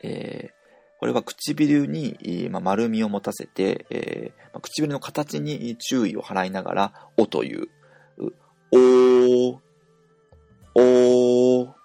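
A low, gravelly male voice from Japan leads an audio pronunciation lesson. He explains patiently, stopping often to demonstrate each sound, in a dry, close recording with faint music underneath. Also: big pitch swings, unhurried, darkish tone, dry recording. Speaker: language teacher.

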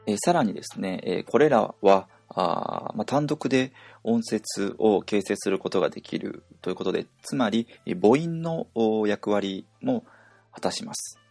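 A man with a low, gravelly voice walks through a pronunciation lesson at an unhurried pace, filling pauses with hesitant sounds. The recording is dry and close to the mic, with faint music underneath. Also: expressive, a little mellow, no echo. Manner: slow and explanatory, with many hesitation fillers. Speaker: language teacher.

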